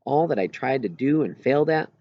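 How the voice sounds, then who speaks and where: An audiobook reader narrates a first-person children's novel aloud, his mid-range voice swinging widely in pitch. He's expressive and a little fast, and the recording is dry and a bit dull, with hardly any room sound.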